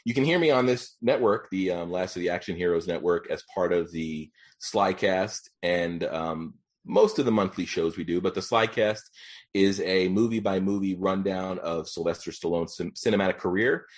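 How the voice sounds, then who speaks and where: Low-ish voiced guy in his forties, guest on a podcast, ums a lot. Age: 40s. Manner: hesitant, many ums, drawn-out pauses. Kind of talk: casual chat.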